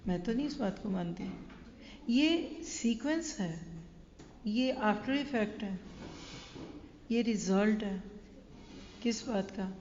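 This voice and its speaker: A woman's voice: medium pitch, animated, pauses often, darkish tone, a little hiss or hum. Brief: a woman religious teacher lecturing earnestly, with a long hall echo and a dull, muffled sound. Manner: earnest, storytelling, addresses listeners directly. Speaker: Islamic teacher.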